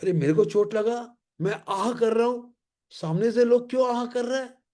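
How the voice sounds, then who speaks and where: A man's voice: very high-pitched, moderate pace, warm tone, pitched above the performer's own voice. A man voicing a hurt, hot-tempered young boy in a story he tells, complaining in indignant outbursts.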